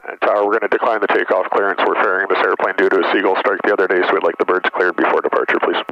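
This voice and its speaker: A man flying as a pilot, speaking through a cockpit headset mic, with crisp radio readbacks and checklist callouts. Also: deep voice, flat delivery, racing, dull audio, slight background noise. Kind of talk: narrating his own flight from the cockpit. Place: small airplane cockpit.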